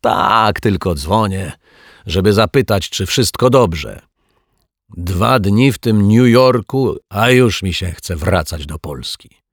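A man voicing a coarse, overly friendly male crook with a raspy chuckle and slangy talk, in a storybook. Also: fairly low pitch, lively intonation, slow pace, dry recording, clean studio sound, full character voice. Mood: jovial. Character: coarse cheerful male small-time crook.

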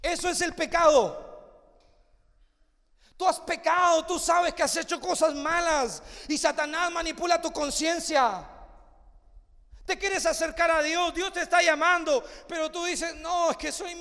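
A male pastor preaching a sermon, telling a story and acting out its voices, moving from hushed to shouting. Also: extremely high pitch, fairly even intonation, a little slow, in a large hall. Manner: acts out story voices, swings from soft to shouting.

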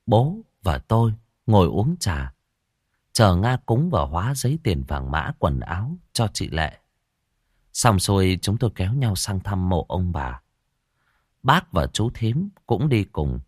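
A man narrating a story in a scripted, expressive style. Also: lowish voice, slow, slightly rough, no echo, clean studio sound.

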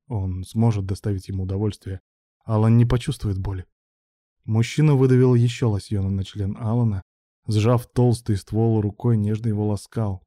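A man reading a story aloud as narrator in an even, measured way. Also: fairly low pitch, dry recording, clean studio sound. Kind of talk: audiobook narration.

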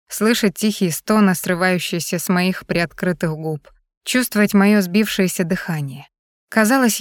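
A woman's voice: medium pitch, no room sound. Woman narrating an intimate story, dry sound. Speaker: audiobook narrator. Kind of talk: first-person narration of an erotic novel.

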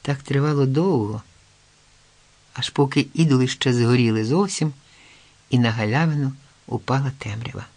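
Male audiobook narrator, measured and expressive, mid-pitched. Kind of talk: scripted narration.

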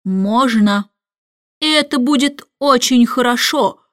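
A woman voicing a muddled, boastful, childlike king who talks slowly and grandly. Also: fairly high pitch, animated, dry recording, studio quality. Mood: jubilant.

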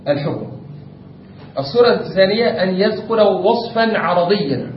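Egyptian male lecturer, high voice, classroom lesson from a distant dull mic with light hiss. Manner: explains step by step, asks the class rhetorical checks. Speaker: teacher of Islamic jurisprudence. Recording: echoey room, distant lo-fi mic with faint noise.

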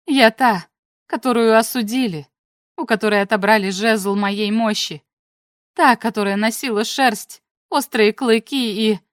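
A woman's voice: on the high side, measured pace, no echo, clean studio sound, close to an everyday voice. A woman voicing a proud sorceress in a storybook reading, declaiming her lines with emphasis. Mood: exultant.

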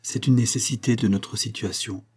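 A man reading a gentle, resolute young woman. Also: fairly low pitch, steady tone, moderate pace, slightly rough. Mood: pained. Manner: soft yet firm, pained.

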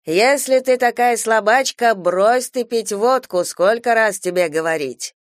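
A woman voicing a rude male chauffeur who teases and sneers, with a raised, loud delivery. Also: on the high side, a little slow, dry recording, studio quality, close to an everyday voice. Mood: mocking. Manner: teasing, sneering.

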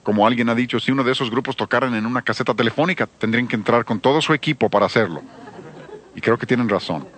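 A man's voice: mid-range voice, fast talker, a bit bright. A man giving an emphatic sermon-style seminar talk on church music, addressing listeners with rhetorical questions.

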